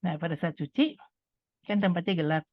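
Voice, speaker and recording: Middle-aged woman, low voice, chatty testimony talk, heard over a tinny video call line. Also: fairly quick, no room sound. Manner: chatty and conversational, addresses listeners as friends. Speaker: speaker sharing a testimony. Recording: tinny phone-like line, dry sound.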